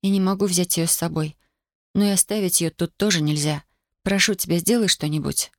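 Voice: mid-range voice, fairly quick, no room sound, close to an everyday voice. A reader voicing a stubborn young woman grieving in wartime, in a dry studio audiobook recording. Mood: cold. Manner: cold, insistent, pleading. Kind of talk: audiobook character voice.

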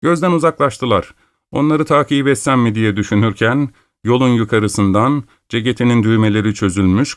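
A man narrating a classic detective story in the first person, in a measured storytelling manner. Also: mid-range voice, dry recording, clean studio sound. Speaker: audiobook narrator.

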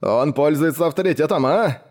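A loud, cocky biker full of swagger, as a male reader puts him on. He mocks and boasts, pitched well above the reader's own voice. His speech is quick and brash. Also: lively intonation, lightly acted. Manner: swaggering, mocking, indignant.

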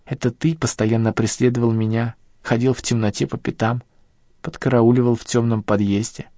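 A man's voice: mid-range voice, flat delivery, normal speed, mellow, no echo, studio quality, natural voice. A man voicing a weary, scornful captive woman. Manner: tired, scornful, ironic. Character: weary, contemptuous young woman held captive.

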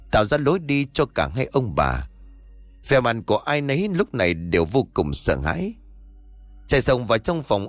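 Brief: low-voiced man, lively dramatic horror narration, dry close mic, faint music. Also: no room sound. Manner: dramatic, suspenseful. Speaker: storyteller.

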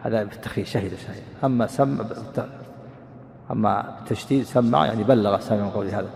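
A low, gravelly male voice teaches slowly, circling back over each phrase to explain it. His words ring out with a long echo, as in a large hall. A faint hiss runs underneath. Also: a little mellow. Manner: measured and repetitive, restating phrases to explain them. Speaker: sheikh teaching a hadith class. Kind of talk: explaining a text line by line.

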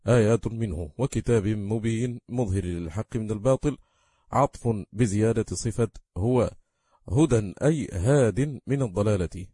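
A man reading a classical scripture commentary aloud in careful, measured formal diction. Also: lowish voice, warm tone, husky, no room sound. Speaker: reader of Quran commentary.

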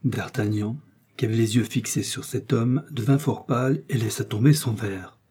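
Man reading an old novel aloud, steady pace, husky dark voice. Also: mid-range voice, normal speed. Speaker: audiobook narrator. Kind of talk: scripted narration.

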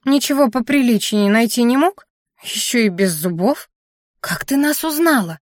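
A woman's voice: fairly high pitch, lively intonation, normal speed, dry recording, clean studio sound, voice pushed up. Woman playing a gushing, tearful blue cat. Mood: chattering. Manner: showers endearments.

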